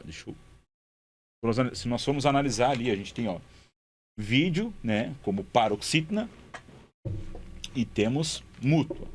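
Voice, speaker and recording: Male teacher, patient board walkthrough, repeats key words, checks in often. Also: on the low side. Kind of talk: explaining grammar exercises at a board.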